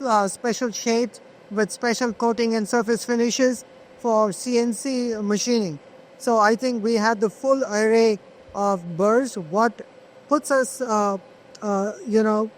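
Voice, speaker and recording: A man being interviewed as a manufacturer, explaining products conversationally in a halting way, with repeated words. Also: high-pitched, poor audio. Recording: clear ambient noise on location.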